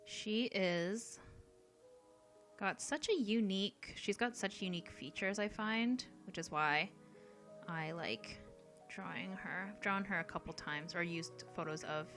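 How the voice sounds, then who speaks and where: A young woman from Canada hosting an art livestream, chatting casually and reading viewer comments in a soft voice, with many ums and light laughs. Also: fairly low pitch, measured pace, faint music behind.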